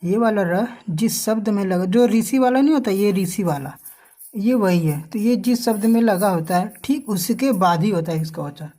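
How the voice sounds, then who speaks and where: Speaking at medium pitch in a mellow, expressive voice, a woman shows learners how to spell names. Her delivery is slow and drawn out letter by letter, broken up with quiz questions aimed at the viewer.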